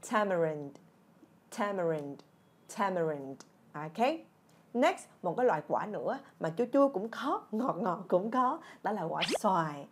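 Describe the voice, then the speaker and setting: A breathy, bubbly young woman runs a cheerful language lesson for kids and parents. She repeats each word over and over with playful enthusiasm, her voice sitting in a middle pitch with a soft, airy edge. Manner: playful, bursts into high "ta-da!" reveals, drills words in repetition. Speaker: English teacher, channel founder.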